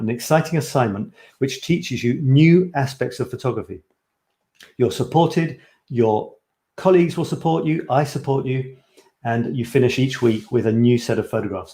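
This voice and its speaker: Here the Scottish photography coach sounds mellow and mid-range in a roomy space while presenting his course on a live stream. He's chatty and excited, frequently stopping to correct himself partway through a sentence.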